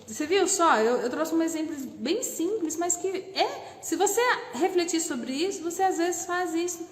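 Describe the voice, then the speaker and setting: A woman's voice: high-pitched, echoey room, long reverb tail. A Brazilian woman coaching on self-knowledge in a casual live lesson, emphatic and full of rhetorical questions. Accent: Brazilian Portuguese.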